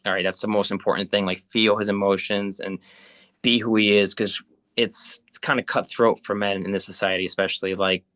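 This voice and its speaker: A man's voice: on the low side, level tone, brisk, a bit bright, no room sound. Chatty Italian-born man in his thirties. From Italy. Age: 30s. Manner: rambling, many fillers and restarts. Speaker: spiritual guide. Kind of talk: casual video call chat.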